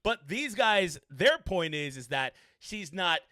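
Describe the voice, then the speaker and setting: A man with a high, bright voice talks through a casual sports commentary vlog. He chats with the viewer and slips in wry asides. The sound is dry and close. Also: big pitch swings, slow, dry recording.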